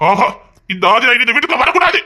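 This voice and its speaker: A man's voice: extremely high pitch, sing-song, fast, pushed and bright, full character voice. A man with a Tirunelveli accent playing a harsh, hot-tempered young man who gives commands and threats. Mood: stern, angry. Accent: Tirunelveli Tamil. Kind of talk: comedy skit drama.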